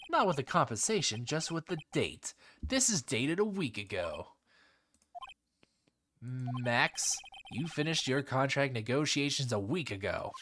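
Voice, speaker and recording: A man's voice: mid-range voice, a bit bright, a little hiss or hum. A man streaming a game and reading its dialogue aloud in a casual way, with joking asides.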